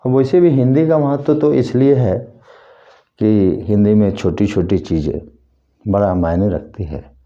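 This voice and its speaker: Slow, deep-voiced male Hindi teacher. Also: warm tone, muffled recording. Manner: slow, explanatory, tells a story as an example. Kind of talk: classroom lesson at a board.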